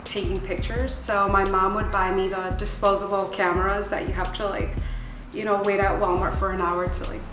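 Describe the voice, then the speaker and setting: A woman in her late twenties, born in El Salvador and moved to Chicago at six, speaks in a mid-range voice with flat delivery at a moderate pace. As a music video creator being interviewed, she talks casually and candidly, reflecting and often saying "like" and "you know." She's indoors in a small, bright room lined with windows, with a roomy echo and music playing underneath.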